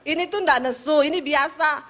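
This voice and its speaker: A woman preacher from Sulawesi with a Sulawesi Indonesian accent, telling teasing, humorous stories in a lively sermon. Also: high voice, moderate pace.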